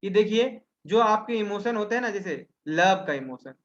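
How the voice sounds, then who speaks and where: Male webinar trainer, high-pitched, explaining step by step, rhetorical Q&A style, muffled call audio. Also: animated, normal speed, a bit bright. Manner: asks himself questions and answers them, with frequent "है ना?" tags. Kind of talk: explanatory teaching talk. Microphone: video call.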